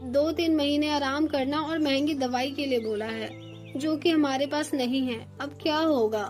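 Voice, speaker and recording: A woman voicing a sick, weak male pigeon husband who speaks quietly and apologetically in a cartoon. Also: sits high, fairly even intonation, moderate pace, faint music behind, lightly acted. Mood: worried.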